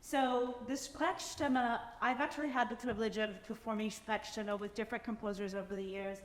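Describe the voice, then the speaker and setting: A woman singer explaining how she performs a spoken vocal part to a concert audience, with lively demonstrations. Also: on the high side, moderate pace, roomy sound, long reverb tail. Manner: animated, demonstrates by speaking and singing.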